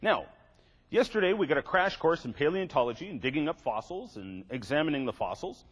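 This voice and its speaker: A man's voice: a little high, sing-song, fairly quick, husky. An older man giving a lecture to a live audience, with wry, sarcastic asides. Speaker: creationist seminar speaker. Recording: echoey hall, faint music.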